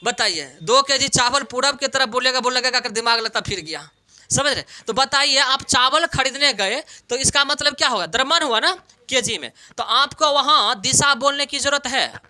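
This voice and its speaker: A man's voice: very high voice, normal speed, pushed and bright. A male teacher giving an exam-prep science lesson, asking the class questions and answering them himself. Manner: questioning, answers own questions, homely examples.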